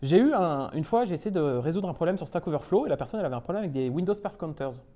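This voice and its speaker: Brief: man from France, young adult, meetup speaker, playful self-mocking humour, lively swoops in pitch. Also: very fast. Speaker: conference speaker. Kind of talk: humorous tech talk to a live audience. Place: meetup talk room.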